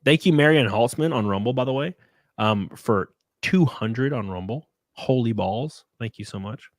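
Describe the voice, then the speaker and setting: Speaking at a moderate pace in a mid-range voice, a male livestream host reads donations and gives rambling, swear-laden thanks. He sounds sniffly and a little tipsy, and the recording is dry with clean studio sound.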